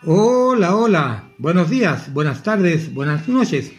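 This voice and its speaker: A man's voice: fairly high pitch, sing-song, takes it slowly, soft background music. A Chilean man hosting a radio show, cheerful and effusive, who laughs easily. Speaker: radio host.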